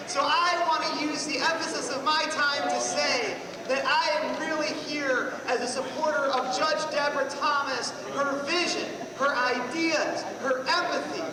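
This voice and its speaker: Male candidate, high voice, emphatic repetitive rally speech; distant, reverberant hall. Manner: emphatic, repetitive, building phrases. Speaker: political candidate speaking at a rally. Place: large echoey hall with a crowd. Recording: echoey hall from far off, crowd noise.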